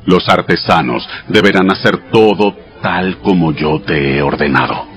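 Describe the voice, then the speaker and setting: The Almighty in an audio Bible drama. The voice is deep and grave, speaking with solemn authority as he gives commands. Soft music runs behind it. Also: a little slow. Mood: solemn, instructing. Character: God, solemn commanding male deity giving laws.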